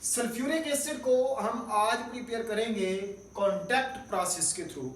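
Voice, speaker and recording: A man's voice: high-pitched, animated, normal speed, fairly bright tone, roomy sound, distant mic, slight background noise, rough recording. A male chemistry teacher giving a recorded lecture, explaining step by step, repeating key terms and mixing in English technical words. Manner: mixes English technical terms into his speech.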